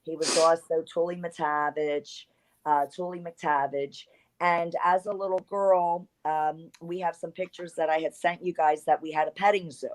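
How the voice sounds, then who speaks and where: A woman's voice: sits low, fairly even intonation, normal speed. A woman in her fifties from South Jersey with a New Jersey accent, chatting as an interview guest and telling long, rambling stories with easy laughs. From South Jersey, USA. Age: 50s. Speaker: guest, retired wrestler. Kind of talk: casual interview storytelling.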